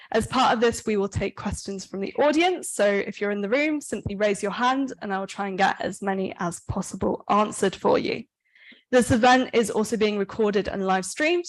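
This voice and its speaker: A woman's voice: mid-range voice, poor audio. A woman moderating an event, delivering a scripted introduction in an orderly presenting manner.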